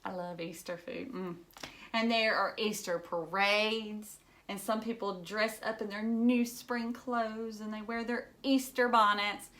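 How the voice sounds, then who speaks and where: This storybook read-aloud comes from a woman whose mid-range voice is fairly bright, her intonation fairly even and her pace a little slow. She explains things simply in a teacherly way and adds chatty asides for the young audience.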